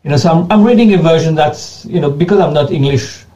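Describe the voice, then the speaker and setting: On a lo-fi recording, a man with a mellow voice on the high side talks fast. He's a pastor being interviewed, Creole his first language, and he answers off the cuff, earnest and prone to repeating and restarting words.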